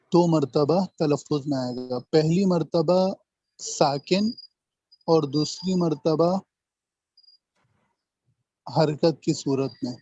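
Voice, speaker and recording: A man leads an online grammar lesson over a video call, saying each term slowly and repeating it. His voice sits a little high, and the audio is dull and dry, like a call through a computer mic. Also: darkish tone, no echo. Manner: slow, repeats terms and drills examples. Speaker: Arabic grammar teacher.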